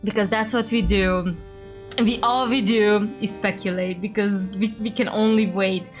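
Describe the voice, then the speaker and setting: A woman's voice: mid-range voice, fairly even intonation, normal speed, soft background music. A woman livestreaming a game over a headset mic, chatting casually to her viewers in a rambling way and often correcting herself mid-sentence. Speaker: livestreamer playing a game with a co-host. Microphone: livestream headset audio.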